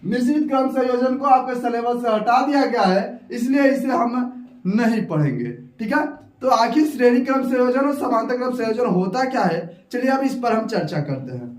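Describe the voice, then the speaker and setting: High-voiced man teaching in an echoey room. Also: animated, moderate pace, far from the mic. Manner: explains step by step, repeats key terms. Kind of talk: whiteboard science lesson.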